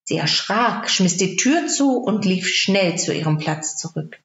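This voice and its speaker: A woman reads a fairy tale aloud in a calm, measured storybook style. Her voice sits in a roomy space, and the recording is dull and lo-fi. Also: lowish voice.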